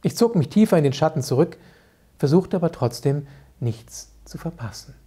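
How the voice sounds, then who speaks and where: A man reading calmly and vividly from a children's book. His voice is somewhat high but mellow and warm. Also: moderate pace, breathy edge. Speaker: author reading aloud.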